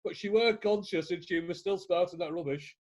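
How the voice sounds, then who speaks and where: Bloke doing a chatty yorkshire witness, blunt, fairly high voice. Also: male voice, brisk, a little mellow, lo-fi sound. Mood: gossipy. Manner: blunt, chatty, dialect speech.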